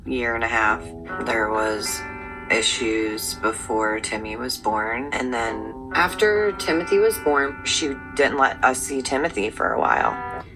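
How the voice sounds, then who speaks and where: A woman with a very low, gravelly voice talks in a reality TV interview style. Clear guitar music plays beneath her in the TV playback. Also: measured pace, low-quality recording. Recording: TV show playback with music underneath.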